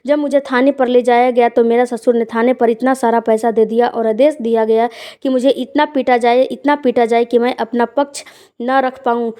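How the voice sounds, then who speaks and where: A woman's voice: a little high, fairly even intonation, normal speed, dark tone, clear, resonant tone. A woman narrating a first-person story in a plain, conversational way with emotional weight.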